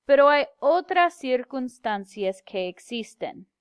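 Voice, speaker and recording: Slow, clear-spoken woman teacher. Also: sits high, very animated, no room sound, clean studio sound. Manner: slow, careful, clearly enunciated explanation with English glosses. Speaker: Spanish teacher. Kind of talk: slow classroom grammar lecture.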